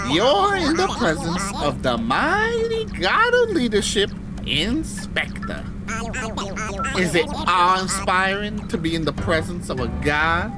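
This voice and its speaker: Grandiose male god voiced by a woman, fussy and theatrical, swooping wildly up and down, unhurried, game music behind. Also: on the low side. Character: pompous, excitable male god of leadership. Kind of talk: reading game dialogue aloud on stream.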